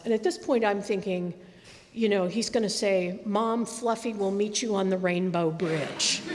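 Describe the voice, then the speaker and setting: A woman's voice: mid-range voice, a little mellow. A woman, a nurse, telling a live story on stage with a wry, dryly funny delivery. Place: stage in a hall before a live audience. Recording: reverberant hall with faint room noise.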